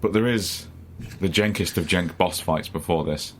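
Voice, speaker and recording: Podcast co-host, man, very low voice, sweary and jokey. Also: normal speed, a little hiss or hum. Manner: swears freely, laughs often, acts out quotes. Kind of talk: casual chat.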